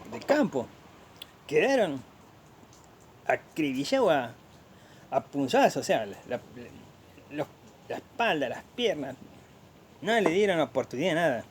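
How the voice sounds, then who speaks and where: A man's voice: on the high side, a little hiss or hum. An Argentine man telling a gaucho folk tale aloud, rambling with restarts and spoken sound effects. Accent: Argentine Spanish. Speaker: storyteller.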